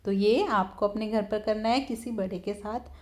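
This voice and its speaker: A woman teacher, patiently explaining a textbook lesson to young children, often slowing down to repeat words. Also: mid-range voice, steady tone. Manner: patient, repeats words slowly, keeps saying "theek hai".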